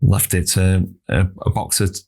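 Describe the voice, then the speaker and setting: A man with a very deep voice hosts a podcast, speaking in an even, level tone. He gives reflective advice as a coach and often repeats himself mid-thought. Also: moderate pace, creaky, slightly rough. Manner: reflective, advice-giving, repeats words as he thinks. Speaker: podcast host, sports scientist and S&C coach. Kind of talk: casual podcast chat. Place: podcast studio.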